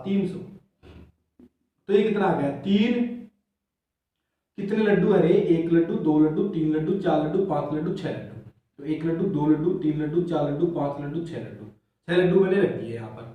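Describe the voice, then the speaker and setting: A man's voice: fairly high pitch, warm tone. A man teaching physics who asks questions and answers them himself, in a playful, drilling way. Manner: playful, counts zeros as sweets. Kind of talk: board lesson for school exams. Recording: very echoey room, distant mic.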